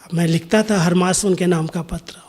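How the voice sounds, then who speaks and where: A middle-aged man giving a spiritual discourse, telling a story in an unhurried way and sometimes sinking to a soft near-whisper. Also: sits high, fairly even intonation, breathy edge. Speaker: spiritual speaker.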